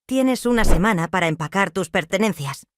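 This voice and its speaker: A narrator voicing a cold, controlling stepfather who gives curt orders in a calm tone. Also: high-pitched, moderate pace, no echo, studio quality.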